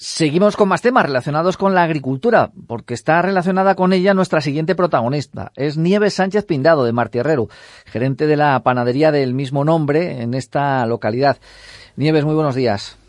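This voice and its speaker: A man's voice: on the high side, a little fast, no room sound. A man hosting a radio interview in a studio, conversational and repeating words as he starts. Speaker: radio host. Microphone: studio mic.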